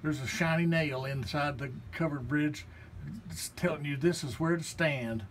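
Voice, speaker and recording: A fairly high-pitched man talks at a moderate pace, with a little hiss or hum on the recording. He's an artist casually leading visitors through a small gallery, pointing to each painting in turn in an easy, folksy way. The walking-tour narration was shot on a handheld phone.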